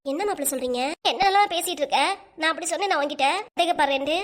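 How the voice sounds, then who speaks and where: A woman's voice: high voice, racing, natural voice. A woman with a southern Tamil Kanyakumari accent voicing a fussy, scolding grandmother and mother-in-law in a cartoon, nagging and complaining. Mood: arguing. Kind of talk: cartoon voice acting.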